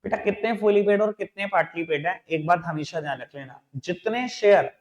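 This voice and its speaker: A high-pitched man with an Indian accent teaches accounts, calling his students beta and babu as he coaxes them along. He dictates each entry slowly and repeats key points. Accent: Indian English mixed into Hindi. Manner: addresses students as beta and babu, coaxing and repetitive; dictates slowly, spelling out entries. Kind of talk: classroom lecture.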